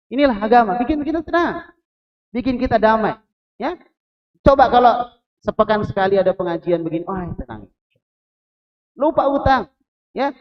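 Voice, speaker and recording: A man from Indonesia giving a lively mosque sermon, putting questions to the congregation and joking with them. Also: high-pitched, highs cut off. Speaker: preacher.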